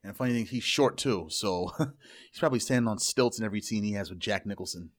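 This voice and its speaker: A man chatting casually about movies as a podcast co-host, talking in quick bursts with restarts. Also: on the low side.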